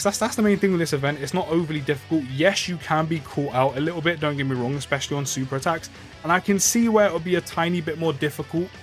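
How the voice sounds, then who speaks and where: Guy chatting over a mobile game, mid-pitched, lots of ums, soft guitar music behind. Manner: rambling, many fillers and restarts. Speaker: gaming YouTuber. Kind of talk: casual gameplay commentary.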